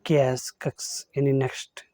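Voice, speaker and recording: A man gives an English pronunciation lesson. He states each rule and then reads a list of example words one at a time. His voice is warm and mellow, and the recording is dry and close. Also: medium pitch, little pitch movement, a little slow, dry recording. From India. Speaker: English teacher.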